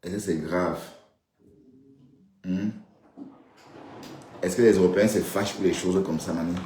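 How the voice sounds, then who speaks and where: A man gives loose, wandering commentary on a live stream in a low, mellow voice with fairly even intonation and a measured pace. The sound is reverberant with a little hiss or hum. He often turns to viewers with asides, saying "hein" and "d'accord" again and again.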